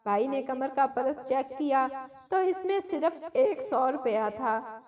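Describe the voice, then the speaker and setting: A woman with a high, light voice narrating a family drama as a read-aloud story. Her delivery is dramatic and plain, carrying the tale from scene to scene. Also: lively intonation, darkish tone.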